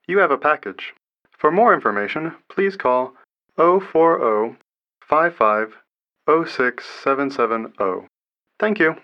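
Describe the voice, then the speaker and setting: A man's voice: fairly high pitch, lively intonation, measured pace. A man leaving a polite, formal voicemail over a landline phone, reading out a number digit by digit. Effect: heard over a landline phone. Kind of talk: scripted textbook listening dialogue. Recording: dull lo-fi phone line.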